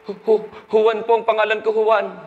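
A man's voice: sits high, flat delivery, moderate pace, narrow, tinny audio, close to an everyday voice. A man voicing a frightened husband who stammers and pleads, in an echoey hall. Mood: pleading.

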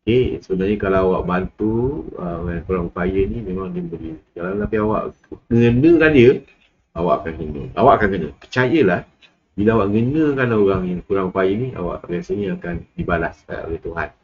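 A man's voice: on the low side, expressive, fast talker, gravelly, highs cut off, slight background noise. A man with a Malaysian accent lecturing a class in a casual, rambling way, full of fillers and asides. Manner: rambling, with many fillers and laughs.

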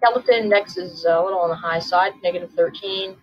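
Speaking fast in a low voice, a woman who has just woken up with a sore throat runs a casual weather forecast on her channel, thinking out loud. Soft background music plays under the dull lo-fi recording.

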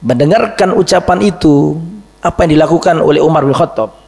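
A man's voice: a little high, fairly quick, vocal fry. A man giving a storytelling religious lesson, quoting Arabic and explaining it, and asking his audience questions. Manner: recites Arabic phrases then explains them in Indonesian; lively storyteller who asks the audience questions. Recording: echoey hall with long reverb.

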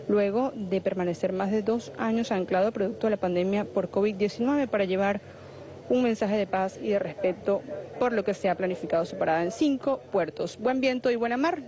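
A Venezuelan woman giving formal live news commentary in measured, ceremonious phrases as a television reporter. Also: medium pitch, dark tone. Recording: noisy live broadcast with ambient sound.

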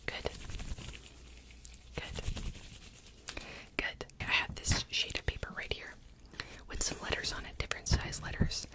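Young female whisperer for fast ASMR whispered role-play: brisk exam-giver, close-miked, clipped and repetitive. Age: young adult. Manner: fast, brisk, clipped instructions with repeated short words. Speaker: ASMR creator playing a cranial nerve examiner. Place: small indoor home room. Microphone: large microphone close in front of the mouth.

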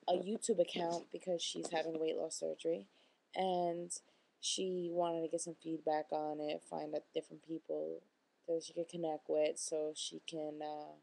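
A woman's voice: low-pitched, creaky, mellow, rough recording. A young woman talking casually into her webcam at home, rambling and self-deprecating, admitting she mumbles. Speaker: vlogger. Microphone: webcam microphone.

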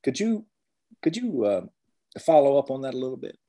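An older male physician with hiccups, interviewing gently and haltingly over a video call from a cabin. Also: mid-range voice, very animated. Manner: gentle, halting, many restarts.

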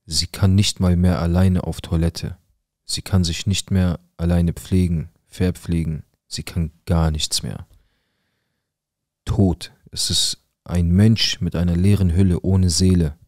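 A man's voice: low voice, flat delivery, unhurried, a little mellow, no echo, clean studio sound. A young adult man telling his own painful life story in an intense, blunt, emotional way. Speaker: storyteller sharing a personal story. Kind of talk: personal storytelling.

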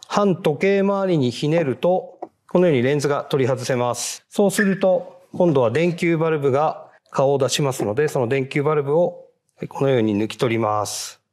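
A man giving a polite, measured, step-by-step how-to narration on fitting car parts, marking each step with a short "hai". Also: fairly high pitch, darkish tone. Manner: polite, measured, repeats "hai" between steps. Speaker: product installation instructor.

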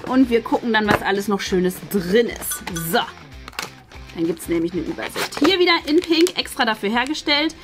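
Her fairly high, animated voice moves at a moderate pace over music as she gushes through an advent calendar unboxing. She's in her thirties, talking casually to viewers from a small furnished indoor studio.

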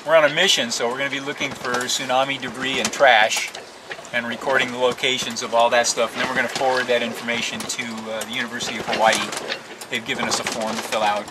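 A man's voice: medium pitch, level tone, quick pace. An older man casually explaining life at sea on a sailboat, talking easily while he films. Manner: easygoing, explains plainly while filming. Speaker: sailing vlog co-host. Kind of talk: casual chat. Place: cockpit of a sailboat at sea, outdoors. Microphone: camera mic. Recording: camera audio with clear wind and sea noise.

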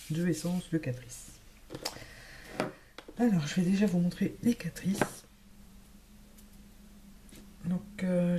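A woman's voice: fairly low pitch, noisy background. A woman vlogger chatting casually about the makeup she bought, half-whispering some words. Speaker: beauty vlogger. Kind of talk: casual makeup haul chat. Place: home room with lights.

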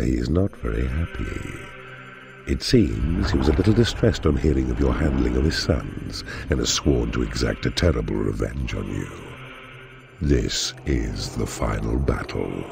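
An extremely low, sinister male evil advisor delivers a grave, commanding video game briefing. His voice swoops theatrically through its phrases, menacing and authoritative. Music plays behind him. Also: gravelly, heavily acted. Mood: ominous, wry. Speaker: mission briefing narrator.

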